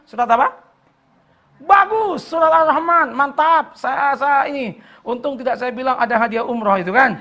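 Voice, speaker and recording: A man preaching a sermon to a study gathering. He recites scripture slowly, explains it plainly, and jokes with the audience. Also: very high-pitched, highs cut off. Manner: joking with the audience, voice rising when animated. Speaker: Islamic preacher.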